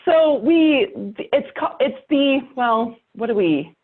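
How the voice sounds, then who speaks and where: Over thin, call-like audio, this podcast host and writer talks in a casual, emphatic way, hammering points home through repetition. Her voice sits high and sounds animated, though her pace is slow.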